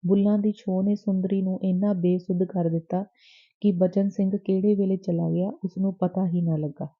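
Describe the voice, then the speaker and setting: A woman narrating a novel as an audiobook in a measured, steady reading voice. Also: medium pitch. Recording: dry, tinny phone-like sound.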